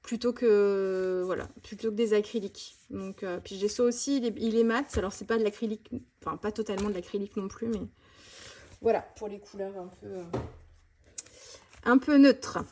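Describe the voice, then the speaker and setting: A woman vlogger chatting fast and casually about her art supplies, with many fillers and restarts. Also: mid-range voice, mellow, a little hiss or hum. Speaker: mixed-media art vlogger. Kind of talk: casual tutorial chat showing art supplies.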